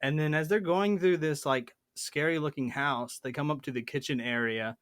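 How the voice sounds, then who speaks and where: A man's voice: a little high, normal speed, fairly bright tone, no room sound. A man hosting a tabletop gaming podcast, telling a story in a playful, boastful way. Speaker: podcast host. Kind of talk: casual chat.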